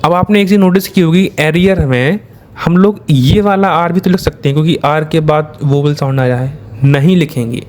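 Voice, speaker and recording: Man, Indian accent, shorthand teacher, higher-pitched voice, asks and answers himself. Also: normal speed, a little mellow, a little hiss or hum. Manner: explains step by step, asks and answers his own questions. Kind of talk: classroom-style lesson.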